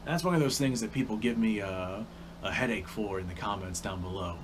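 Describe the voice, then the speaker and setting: A man with a lowish voice talks casually to camera, and his lines keep lifting at the ends in upspeak. He rambles with restarts and has the hiccups. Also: brisk, noisy background. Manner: upspeak, rising at line ends. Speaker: YouTube creator.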